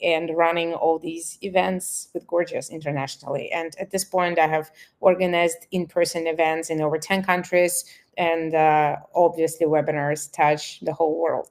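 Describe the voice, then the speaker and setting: Woman, lowish voice, earnest webinar talk, many fillers. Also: a little mellow. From Russia. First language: Russian. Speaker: events marketer presenting. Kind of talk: webinar presentation.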